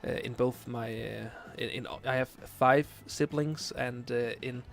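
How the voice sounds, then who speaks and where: In an unhurried, fairly even mid-range voice with vocal fry, a Danish streamer in his late twenties casually answers chat questions while gaming late at night. His accented English is hesitant and filler-heavy as he searches for words.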